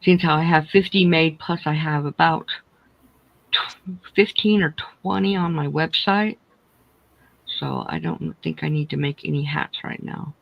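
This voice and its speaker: A woman's voice: deep voice, steady tone, measured pace, gravelly, no echo, highs cut off. A woman hosting a casual crochet livestream, chatting in a rambling way, speaking without her teeth in. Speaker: host of a crochet chat livestream.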